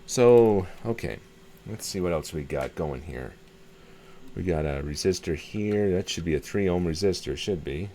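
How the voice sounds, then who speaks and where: A hobbyist video host shows a radio repair, his low, dark voice animated and at a normal speed. He talks casually and tentatively through the hands-on demonstration, thinking aloud and often repeating himself. Background noise comes through clearly in the recording.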